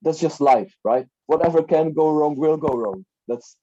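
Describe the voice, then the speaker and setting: A young adult man from the Czech Republic, appearing as a guest life coach on a podcast, chats casually and rambles, repeating words and leaning on "like" and "right?". His voice is a little high and dark-toned at a moderate pace, and the recording sounds dull and lo-fi.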